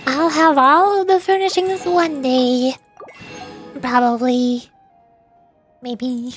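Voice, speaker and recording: Over faint background music, a VTuber game streamer talks in a high, level voice at a slow pace. She keeps her livestream chat playful and cute, reading dialogue aloud and sprinkling in small sound words.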